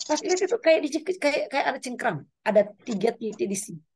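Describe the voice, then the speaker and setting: A middle-aged woman speaking at a women's prayer meeting, giving a lively spoken testimony sermon, her pitch rising and falling as she tells her story. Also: brisk, a little hiss or hum. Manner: animated storytelling, pitch swinging up and down.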